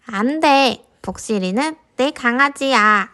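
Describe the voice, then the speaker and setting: A woman's voice: a little high, animated, slow, pushed and bright, heavily acted. A woman voicing a bossy, possessive young girl, the big sister in a picture book read to toddlers. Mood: curt, possessive.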